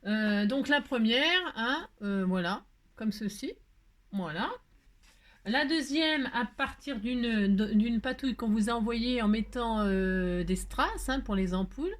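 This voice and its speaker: A woman's voice: on the high side, animated, slow. Chatty woman doing a craft tutorial. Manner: chatty, self-mocking, laughs often, many fillers. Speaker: craft video host. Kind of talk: casual crafting tutorial chat.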